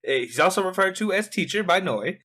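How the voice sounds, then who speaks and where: A man co-hosting a casual anime review podcast, animated and profane, often restarting his sentences. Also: high voice, a little fast. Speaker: podcast co-host.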